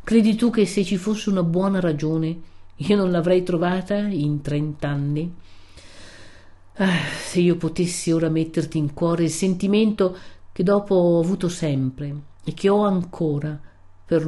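A woman's voice: lowish voice, warm tone, close to an everyday voice. A woman voicing a stern, righteous old male friar who rebukes a young man, solemn and grave.

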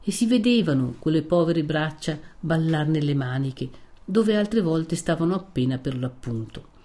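A woman narrating a classic novel in a slow, measured audiobook reading. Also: low voice, animated, warm tone.

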